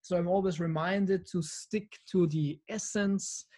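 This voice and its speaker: A man from Austria, giving an earnest, halting talk over a video call from his home camera. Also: sits high, fairly even intonation, mellow. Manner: earnest, halting with fillers and restarts. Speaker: devotee lecturer.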